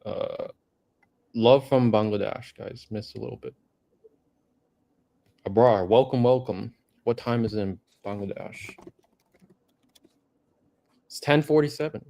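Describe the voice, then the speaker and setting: A man's voice: fairly low pitch, a little slow, vocal fry, pauses often, warm tone. A man hosting a casual livestream Q&A, reading viewer comments aloud in a laid-back way. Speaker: livestream host.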